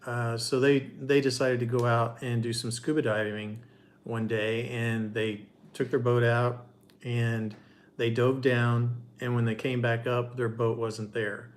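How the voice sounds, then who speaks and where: A middle-aged man co-hosting a livestream, telling a story casually in short, halting pieces. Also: medium pitch, level tone. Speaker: livestream co-host.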